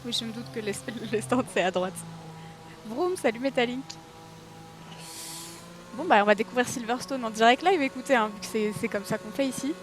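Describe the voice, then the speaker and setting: Excitable female streamer, self-mocking, talking to her chat, slightly high pitched, game engine roar in the mix. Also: normal speed, pauses often. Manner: excitable, talks to her audience, yelps and self-mocks. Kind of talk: live gameplay commentary. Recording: racing game engine noise behind.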